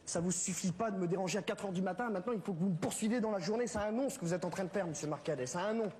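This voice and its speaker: A man's voice: high-pitched, rapid-fire, darkish tone, a little hiss or hum, natural voice. A man playing a fed-up, sarcastic moviegoer. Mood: exasperated. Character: exasperated middle-aged man pestered at the cinema. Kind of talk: comedy sketch acting. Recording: old VHS tape audio with music.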